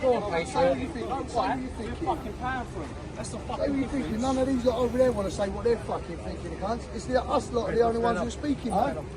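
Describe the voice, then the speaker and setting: A man heckles outdoors in a very high voice. His talk is blunt, coarse and goading, like a street protester's. Crowd noise is clear around him. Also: brisk, long pauses.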